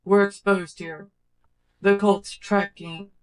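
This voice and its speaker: Short scripted lines of a grim fugitive's dramatic warnings loop as a vocal sample, showcasing pitch and robotic cyborg voice effects. The actor speaks slowly with little pitch movement, sounding smooth, grim, and urgent in a dry recording.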